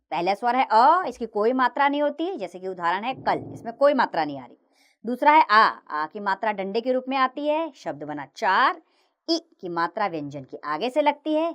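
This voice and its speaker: Female teacher voice for a kids' lesson, clear and slow, with lively pitch. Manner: slow, clear recitation of letters with lively sing-song rises and falls. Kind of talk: children's grammar lesson narration.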